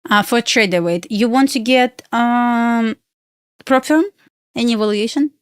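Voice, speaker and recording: A fairly high-pitched, clear, resonant voice, a little slow, recorded at studio quality without echo. The speaker is a bubbly Belarusian woman, native Russian speaker, who day-trades futures and chats casually on her live stream, giggling and using loose non-native grammar.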